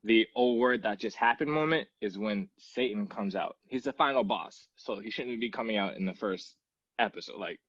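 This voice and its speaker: Low-voiced laid-back podcast host, man. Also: moderate pace, breathy edge, no room sound, dull audio. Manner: relaxed, steady storyteller with many "um"s. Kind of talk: casual podcast chat.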